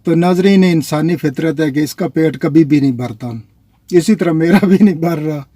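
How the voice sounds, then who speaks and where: This Pakistani man vlogs in a loose, wandering style, addressing his viewers as "nazreen" in casual talk. His voice is fairly high and mellow, at a normal speed, captured cleanly in a studio without echo.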